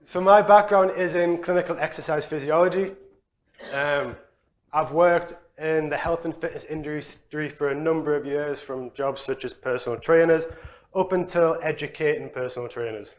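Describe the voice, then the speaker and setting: A young man from Newcastle, giving a relaxed, chatty conference talk as a researcher. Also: on the high side, moderate pace. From Newcastle, England. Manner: relaxed, chatty, self-deprecating. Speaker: exercise physiology researcher. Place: conference hall.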